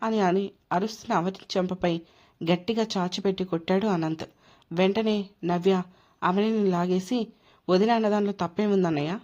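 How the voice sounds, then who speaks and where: A woman storyteller reading the narration of an emotional audio drama in a steady, even way. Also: fairly low pitch, moderate pace. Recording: dull lo-fi recording.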